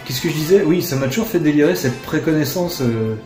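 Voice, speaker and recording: A man commenting on a video game he plays, joking and sarcastic, breaking into excited outbursts. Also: a little high, a little fast. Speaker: let's play commentator. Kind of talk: casual gameplay commentary. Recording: roomy sound with game music behind.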